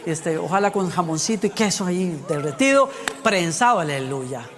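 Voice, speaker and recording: A preacher voicing a gently questioning God. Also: male voice, high-pitched, sing-song, moderate pace, crowd noise. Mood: coaxing. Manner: chatty, coaxing questions. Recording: long hall reverb.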